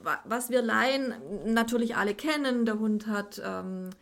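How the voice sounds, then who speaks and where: A woman's voice: a little high, measured pace, creaky, fairly bright tone. A woman hosting a casual chat, asking questions hesitantly with fillers and checking back.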